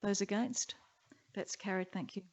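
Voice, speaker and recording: A woman chairing a council meeting, running through motions and votes in a brisk, procedural way. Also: mid-range voice, steady tone. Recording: dull muffled council chamber audio.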